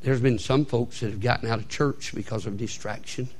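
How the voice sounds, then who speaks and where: A male pastor preaching a sermon, building to shouted peaks and stretching words out for emphasis. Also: mid-range voice, steady tone, fairly quick, breathy edge.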